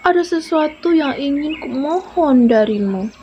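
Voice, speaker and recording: A woman voicing a humble young man who climbs a mountain, speaking respectfully and pleadingly, a little slowly, over background music. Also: high-pitched, expressive, highs cut off, a little hiss or hum, voice pushed up. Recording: music playing underneath.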